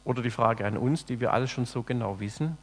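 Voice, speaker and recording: A man preaching a sermon, swinging between loud emphatic lines and soft, low, hushed phrases. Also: quick pace. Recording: long hall reverb.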